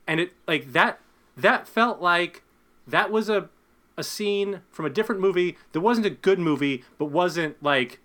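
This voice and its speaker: A young man co-hosting a podcast, chatting casually about a movie with wry, dry humor and halting restarts. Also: high-pitched, animated, bright, forceful tone. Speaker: podcast co-host. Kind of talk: casual movie review chat.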